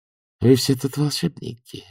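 A man voicing a dazed, polite young man who speaks quietly. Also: medium pitch, level tone, measured pace, creaky, breathy edge, no echo, studio quality, voice pushed up.

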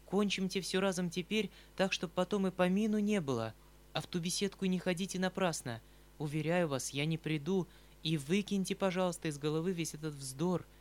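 A man's voice: high-pitched, brisk, lightly acted. A man reading aloud, voicing the lines of an earnest, proud young woman in a scripted audiobook narration. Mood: urgent.

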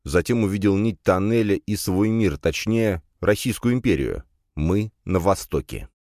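Male first-person narrator, deep and expressive, dry studio read. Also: normal speed, no room sound. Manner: steady first-person storytelling. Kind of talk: fantasy audiobook narration.

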